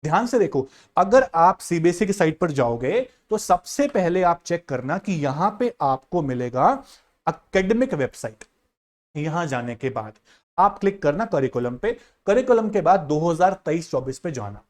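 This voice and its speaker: Higher-pitched male teacher, insistent. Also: big pitch swings, moderate pace. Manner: direct, insistent, addresses students as "yaar" and "bhai". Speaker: economics teacher. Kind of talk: casual exam-guidance lesson, screen walkthrough.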